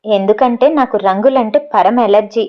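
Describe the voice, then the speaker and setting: A shy young woman answers in short, sulky replies in this audiobook novel, as a woman voices her. The voice sits fairly high. The recording sounds dull and lo-fi. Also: normal speed, natural voice.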